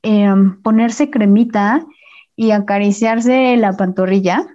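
A woman, a guest speaking gently and encouragingly in a casual talk. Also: mid-range voice, slow. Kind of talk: casual conversation. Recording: dull lo-fi sound.

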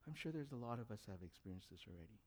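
Speaking very fast with lively intonation, a young adult pastor with a voice on the low side gives a conversational sermon, putting questions to his congregation. His first language was Cantonese, and he grew up in an English-speaking country.

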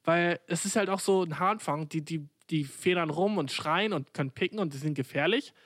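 A young man with a slightly high voice tells a comic anecdote in a loose, rambling way. His speech is full of slang, swear words and English words, with frequent restarts. The recording is dry, with no room sound. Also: normal speed, fairly bright tone, no room sound. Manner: rambling with many fillers and restarts. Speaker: storyteller.

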